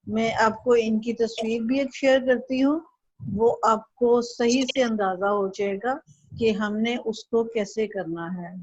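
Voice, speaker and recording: A woman's voice: fairly high pitch, fairly even intonation, measured pace, a little mellow, no echo, dull audio. A woman teaching an online Chinese lesson, patiently drilling syllables and tones for the student to repeat.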